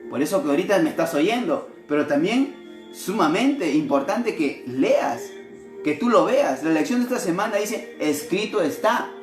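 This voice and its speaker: A male missionary preaches a devotional sermon in a lively voice with wide swings of pitch. He keeps turning to his listeners with rhetorical questions. The room is echoey, with faint music underneath. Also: moderate pace. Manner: animated, asks rhetorical questions.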